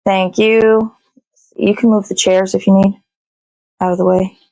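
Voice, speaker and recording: A mellow, mid-range female voice with little pitch movement and a slightly slow pace belongs to an American morning-show host cooking in her kitchen. Her chatter is informal, sweary and rambling. The recording is dry, and the audio is poor.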